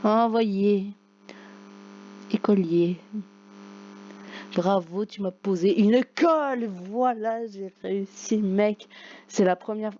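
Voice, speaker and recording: A woman commenting casually on a game, reading its questions aloud and joking, with sudden loud outbursts. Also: medium pitch. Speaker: gaming YouTuber. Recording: dull lo-fi recording with faint hum.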